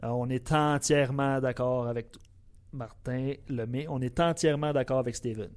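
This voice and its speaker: A man with a Quebec French accent co-hosting a sports show, relaxed and matter-of-fact as he reads out listener comments. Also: mid-range voice, moderate pace, clean tone. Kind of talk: casual chat, reading listener comments.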